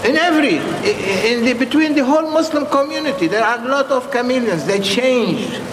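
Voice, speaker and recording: A man who is a non-native English speaker preaching informally in short, halting, repeated phrases and putting questions to his listeners. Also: very high-pitched, expressive. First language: not English. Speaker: Sufi preacher addressing followers. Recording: echoey reverberant hall with clear background noise.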